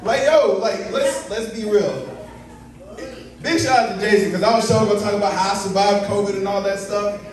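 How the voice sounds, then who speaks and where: A man's voice: high voice, moderate pace. A young American man doing amateur stand-up at an open mic, bombing his jokes with a rambling, stalling delivery. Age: young adult. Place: small bar, indoors. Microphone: handheld stage mic, heard from far camera. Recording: echoey bar, distant mic, audience noise. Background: small audience.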